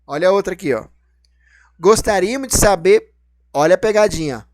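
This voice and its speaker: A man's voice: high voice, animated, a little fast, dry recording. A man teaching a grammar lesson, explaining each rule and then asking and answering his own questions.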